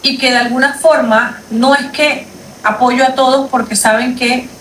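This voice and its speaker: A woman with a fairly high voice delivers an emphatic, indignant livestream statement, hammering her points again and again. The sound is roomy and set back from the mic, with faint noise behind her. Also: fairly even intonation, moderate pace, fairly bright tone. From Panama. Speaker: lawyer. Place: outdoors at night on a street. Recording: echoey, distant from the mic, faint background noise.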